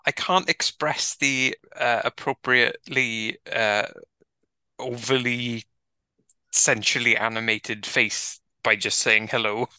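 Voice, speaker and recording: Bright, dry-sounding joking man. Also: medium pitch, steady tone, slow pace, clean tone, dry recording. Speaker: podcast co-host. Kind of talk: casual chat.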